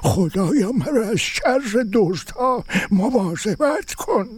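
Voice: mid-range voice, huge pitch swings, no echo. A performer voicing a fearful wandering dervish man who stammers and whimpers in an audio story. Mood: frightened. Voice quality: stammering, whimpering when afraid. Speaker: first dervish.

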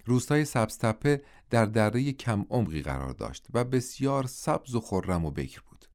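A man narrating an audiobook novel in a measured, steady way. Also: medium pitch.

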